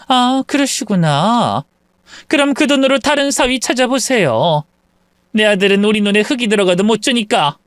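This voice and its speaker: A man's voice: high-pitched, animated, moderate pace, a bit bright, clear, resonant tone, no echo, clean studio sound, voice pushed up. A man doing a sneering snobbish mother-in-law. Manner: sneering, haughty. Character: snobbish, contemptuous middle-aged mother-in-law.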